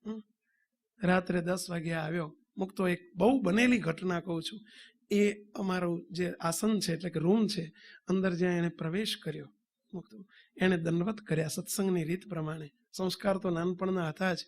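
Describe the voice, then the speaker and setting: A man's voice: sits high, steady tone, moderate pace. A male swami with a Gujarati accent giving a storytelling sermon to devotees, acting out the dialogue of the people in his story. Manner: addresses devotees, acts out dialogue. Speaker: swami preacher.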